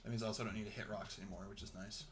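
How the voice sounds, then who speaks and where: A man's voice: lowish voice, level tone, racing, noisy background. A young man giving rambling, chatty let's-play commentary while he plays, chuckling often. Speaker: gameplay commentator.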